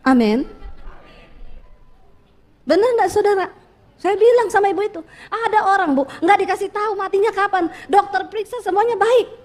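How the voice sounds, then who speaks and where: A woman's voice: very high voice, lively intonation, moderate pace, pauses often, a little mellow. A woman pastor preaching a sermon, telling stories with quoted voices and asking the congregation questions.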